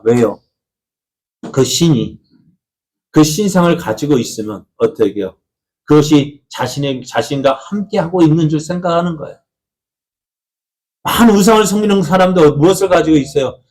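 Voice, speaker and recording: A man preaching a Sunday sermon in a church, asking his congregation questions and answering them himself, his voice rising and falling widely between phrases. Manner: pitch and loudness rise and fall widely between phrases. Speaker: pastor. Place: church sanctuary.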